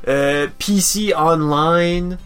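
Rambling New podcast host. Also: male voice, a little high, very slow, a bit bright, clear, resonant tone. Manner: rambling, restarts, mixes in English words. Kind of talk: casual podcast chat.

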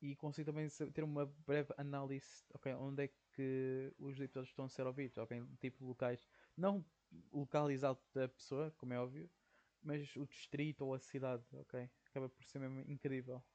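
A man's voice: medium pitch, flat delivery, normal speed, mellow. Young Portuguese man hosting his own podcast, chatty and rambling with a European Portuguese accent, lo-fi home recording. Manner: rambling, says "ok?" constantly, slangy. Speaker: podcast host. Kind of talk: casual solo podcast monologue.

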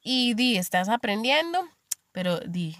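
A woman's voice: fairly high pitch, big pitch swings, unhurried, a bit bright, no room sound, clean studio sound. Chatty Costa Rican woman podcaster. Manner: chatty storytelling with frequent fillers. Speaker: podcast host. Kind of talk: casual monologue.

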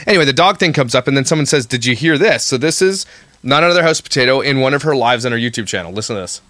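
A man's voice: medium pitch, animated, rapid-fire, a bit bright, slight background noise. A man co-hosting a podcast, ranting heatedly in casual chat. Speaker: podcast co-host.

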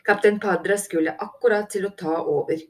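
A woman's voice: medium pitch, steady tone, close to an everyday voice. A woman voicing a dutiful male mole guard in a fantasy audiobook, grumbling in a dry, weary way. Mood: wry.

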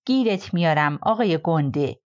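A woman reading an audiobook, voicing a hostile, violent husband who shouts threats. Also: low voice, lively intonation. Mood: threatening.

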